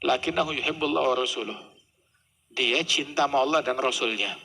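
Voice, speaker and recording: A man preaching a sermon, telling stories with acted dialogue in an animated way. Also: medium pitch, fairly quick, creaky, husky, low-quality recording.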